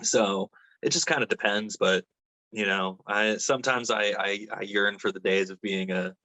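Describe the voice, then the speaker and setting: A young man talks loosely and at length, a metal vocalist in a casual interview. His voice sits a little low yet comes across bright and forward. He rambles, leans on fillers and swears easily. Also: fairly even intonation, moderate pace. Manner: laid-back, rambling, lots of fillers and swearing.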